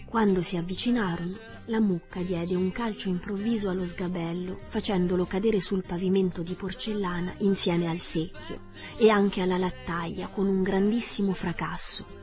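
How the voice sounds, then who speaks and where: A woman narrating a story aloud in calm, measured audiobook style. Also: lowish voice, soft background music. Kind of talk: audiobook reading.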